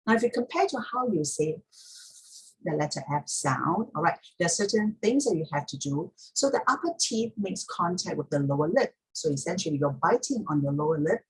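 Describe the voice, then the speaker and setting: A woman's voice: fairly low pitch, animated, a little fast, slightly rough, poor audio. A woman teaching pronunciation step by step in an instructional talk, repeating key points for emphasis.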